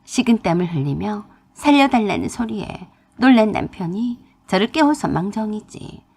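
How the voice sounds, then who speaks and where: A woman narrating a family story in the first person, in a confiding, expressive storytelling manner. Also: mid-range voice, normal speed, creaky, breathy edge.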